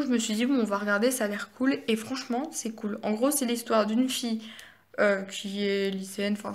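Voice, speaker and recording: A woman's voice: on the high side, fairly bright tone. Rambling teen girl vlogging. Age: teenager, 16. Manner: chatty and rambling, full of hesitations and restarts. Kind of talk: casual chat vlog. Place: at home during lockdown. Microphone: phone held at arm's length.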